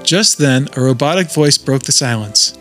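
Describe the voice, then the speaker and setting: A man narrating a children's adventure story in a steady, scripted way. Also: mid-range voice, normal speed. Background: music.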